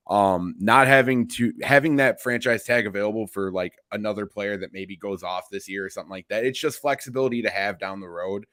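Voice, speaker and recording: Low-voiced, emphatic male podcast co-host. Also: a bit bright, no room sound, studio quality. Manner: emphatic, profane. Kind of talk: casual sports podcast chat.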